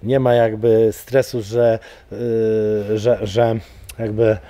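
A man's voice: fairly low pitch, level tone, takes it slowly, dark tone. A middle-aged man, an MMA coach, talking casually in an interview, rambling with many fillers and repeated words. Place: studio with banner backdrop.

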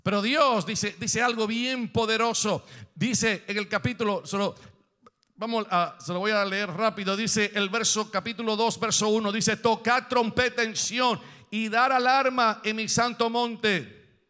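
A man's voice: high-pitched, fairly even intonation, unhurried, bright, forceful tone. A man preaching a sermon as pastor, reading scripture aloud and explaining it, with rising questions and phrases that lift into song.

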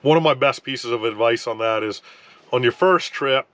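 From inside an ice fishing tent on a frozen lake, with wind outside, a man in his thirties talks casually to camera for his fishing vlog. His manner is relaxed and rambling, full of restarts and "you know". He has a mid-range voice at a moderate pace, with no room sound.

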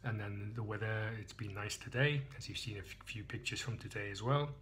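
Talking fairly quickly in a fairly low, fairly bright voice, an English beer reviewer rambles cheerfully through a tasting and makes fun of himself. Slight background noise is audible in the indoor handheld phone video.

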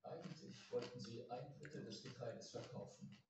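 A man delivers scripted documentary narration at a medium pitch. He sounds far from the mic, in heavy echo with loud noise. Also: fairly even intonation, normal speed. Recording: echoey distant playback, loud noise.

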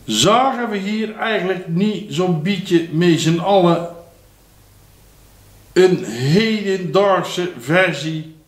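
Slow man reading a dictation. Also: animated, reverberant. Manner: reads each phrase slowly, then drops low to call out punctuation. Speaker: dictation reader.

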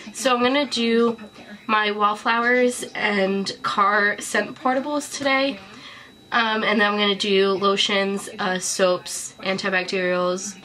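A vlogger in her twenties, sick with a cold, chats casually to the camera from a small bedroom while showing off a collection. Her medium-pitched voice sounds pushed and bright, and the recording is rough.

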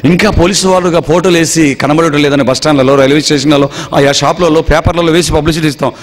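A man's voice: on the high side, steady tone, quick pace. A male preacher giving a dramatic sermon, acting out everyday scenes and putting questions to his listeners. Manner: dramatic storyteller, acts out dialogue, asks the congregation questions. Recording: long reverb.

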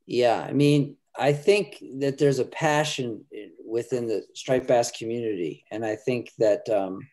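A man's voice: medium pitch, darkish tone. A middle-aged man, a filmmaker guest, talking earnestly from home on a video call, often restarting his sentences. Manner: earnest, halting, many restarts. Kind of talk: casual video call discussion. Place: home room indoors. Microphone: video call webcam.

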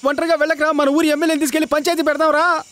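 An actor playing an injured, exasperated village friend who keeps scolding and complaining, in film dialogue. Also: male voice, very high-pitched, flat delivery, racing, a bit bright.

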